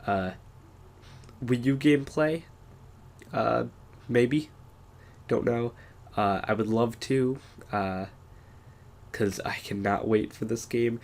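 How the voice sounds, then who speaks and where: A man with a sick voice giving casual first impressions of a video game, halting with many fillers. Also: mid-range voice, darkish tone. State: sick, congested voice. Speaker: gaming channel host.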